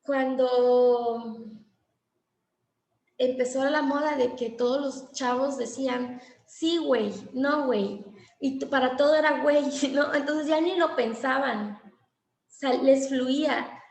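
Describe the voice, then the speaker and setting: A woman teaches a class on language therapy at a slow, deliberate pace. Her voice sits high and has a gravelly edge. The recording carries a noticeable room echo. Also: fairly even intonation, darkish tone. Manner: explanatory, acts out child and teacher exchanges. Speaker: teacher trainer.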